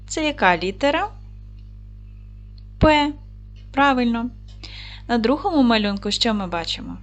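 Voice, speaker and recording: A woman teaching a recorded lesson to young schoolchildren. She speaks slowly and carefully, asks questions, pauses, and then answers them herself. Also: mid-range voice. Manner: slow, careful, clearly spelled-out speech. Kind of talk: video lesson for young children.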